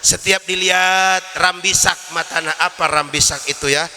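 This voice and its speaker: A man's voice: sits high, fairly even intonation, normal speed, sharp tone, soft background music. A man, preaching a sermon full of jokes and stories. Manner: joking storyteller, shifts between Indonesian and Sundanese. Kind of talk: comic religious sermon. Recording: reverberant hall.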